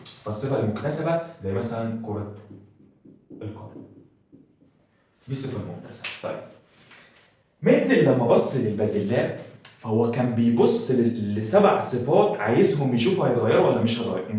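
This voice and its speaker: A man's voice: lowish voice, warm tone. A man with an Egyptian accent teaching a school science lesson. He keeps asking questions, answers them himself and repeats the key words. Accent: Egyptian Arabic. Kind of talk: classroom-style lesson. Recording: very echoey room, mic set far off.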